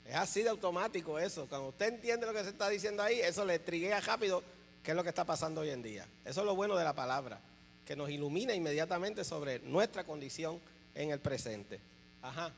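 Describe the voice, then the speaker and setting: A man teaching a workshop for preachers, explaining slowly, stressing key words and checking in with his listeners again and again. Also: fairly high pitch, expressive, creaky, soft background music. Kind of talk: church teaching talk. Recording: long hall reverb with faint mains hum.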